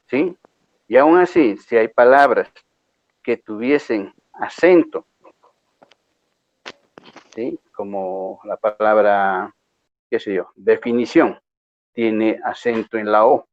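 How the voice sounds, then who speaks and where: A man's voice: fairly low pitch, takes it slowly, pauses often, dry recording, lo-fi sound. Man explaining exam rules, checking in. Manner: patient, repeats checks like "¿sí?" and "¿ya?". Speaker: university lecturer.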